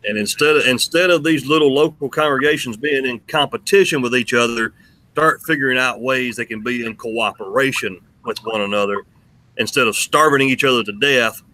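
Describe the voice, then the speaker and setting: A man with a bright, forceful voice at a middling pitch. He speaks conversationally, as the interviewer in a religious discussion. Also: a little fast, poor audio. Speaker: interviewer, host.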